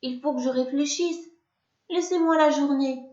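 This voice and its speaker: A woman's voice: sits high, moderate pace, darkish tone, voice pushed up, lightly acted. A woman voicing a flustered man who pleads and apologizes to a witch. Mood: pleading. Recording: echoey room, dull lo-fi sound.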